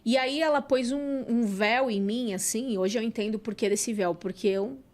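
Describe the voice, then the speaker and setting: A woman with a Santos Brazilian accent, a podcast guest and psychologist, telling a personal story in an animated way. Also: a little high, moderate pace. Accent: Brazilian Portuguese, Santos. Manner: animated, acts out quoted dialogue. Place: podcast studio.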